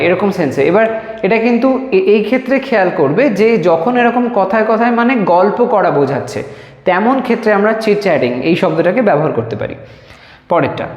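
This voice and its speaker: Man teaching English in an echoey room. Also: high-pitched. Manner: slow, drawn-out dictation of example sentences. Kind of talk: spoken English lesson. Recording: echoey room with long reverb.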